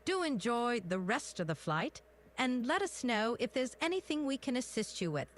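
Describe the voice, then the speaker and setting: A woman's voice: a little high, very animated, normal speed, pitched above the performer's own voice. Chirpy British first officer, an AI woman's voice doing it. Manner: prim, chirpy cabin announcements.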